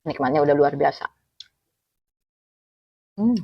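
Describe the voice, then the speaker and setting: A woman's voice: low voice, animated, a little slow, gravelly, slightly rough, no echo, dull audio. A woman from Cilacap, Indonesia, with a Javanese accent, chatting casually with her mouth full as she eats, humming as she savours food. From Cilacap, Central Java, Indonesia. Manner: talks with mouth full while eating, with savouring hums. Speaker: food vlogger. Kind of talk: casual eating chat, mukbang.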